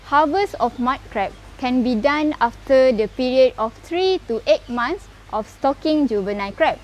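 A young woman presenting an educational explainer on farming, reading facts and figures in a steady, explanatory way, filmed at medium distance. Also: high-pitched, moderate pace. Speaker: aquaculture presenter. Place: indoor aquaculture lab and outdoor farm area.

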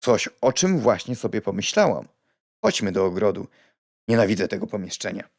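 A man reading an audiobook and voicing a lively, blunt young woman with a playful, outspoken manner. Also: fairly low pitch, moderate pace, creaky, no echo, clean studio sound, heavily acted. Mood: musing.

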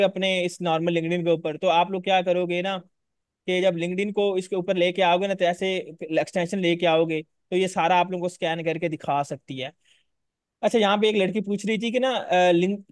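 A man's voice: sits high, clear, resonant tone, no room sound. A man teaching a live screen-share tutorial, talking casually, repeating himself and checking in with his viewers. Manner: casual, repetitive, addresses viewers directly. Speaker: online course instructor.

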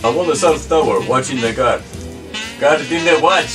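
A man's voice: on the high side, normal speed, far from the mic, loud music behind the voice. An actor playing a male tower guard who answers tersely over a walkie-talkie radio.

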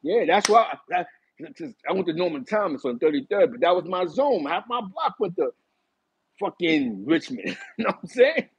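A middle-aged man from East Harlem with a New York accent, telling stories in a casual chat from a small room, animated and talking with his hands. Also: sits high, moderate pace, slightly rough, no echo, lo-fi sound. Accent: New York City. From East Harlem, New York City. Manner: animated, gestures a lot while reminiscing. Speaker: host. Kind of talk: casual storytelling to a live chat. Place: small bright room indoors.

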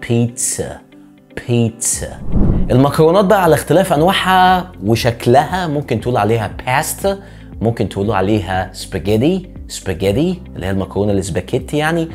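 An Egyptian man gives an English vocabulary lesson, his pitch leaping up and down as he talks. He drills each word with slow repetitions and breaks in with jokes. Quiet music plays faintly underneath. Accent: Egyptian Arabic. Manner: drills words by slow repetition, joking asides. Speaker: English teacher.

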